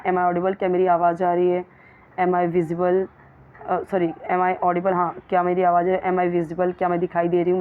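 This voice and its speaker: A woman teaching spoken English to beginners, patiently explaining and saying each example sentence slowly and carefully. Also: lowish voice. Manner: explains patiently, addressing learners as children. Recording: tinny phone-like audio.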